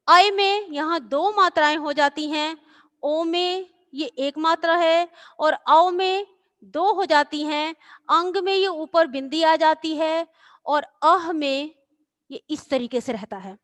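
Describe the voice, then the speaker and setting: Slow, high-voiced woman teacher. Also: fairly bright tone. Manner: slow, patient, drawn-out recitation. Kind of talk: online Hindi class for children.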